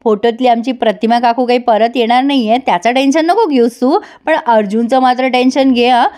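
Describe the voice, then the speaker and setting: A woman voicing a teasing young man who mocks his cousin in a drawn-out, taunting way. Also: a little high, darkish tone, lightly acted.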